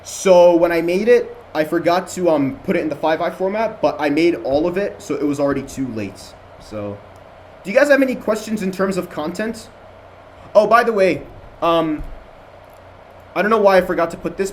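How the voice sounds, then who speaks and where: Speaking through a computer mic on an online call, this young man from Jordan has an American accent and a slightly high voice. He's a student lecturer running a casual review session, rambling and chatty with lots of fillers and restarts. There's slight background noise.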